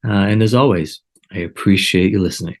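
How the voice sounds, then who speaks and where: A man's voice: low voice, brisk, darkish tone. A man hosting a podcast and being interviewed, talking in an ornate, playful way. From New York.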